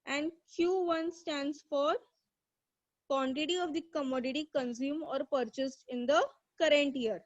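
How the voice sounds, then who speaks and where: Teaching economics online, this woman quizzes her students and praises them by name as they appear in the chat. Her high voice stays steady and a little slow, and the dull lo-fi mic gives a dry recording.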